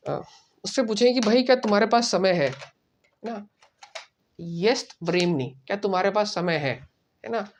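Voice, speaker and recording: A man teaching a casual spoken language lesson, explaining step by step, repeating phrases slowly and often checking in with "right?". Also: sits high.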